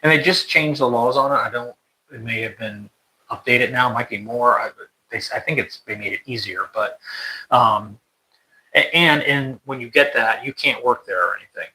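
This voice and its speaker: Here a young American interviewee chats casually about relocating overseas, wandering off track and often restarting amid lots of fillers. He has a mid-range, pushed, bright voice at a moderate pace. The low-quality audio carries a little hiss or hum.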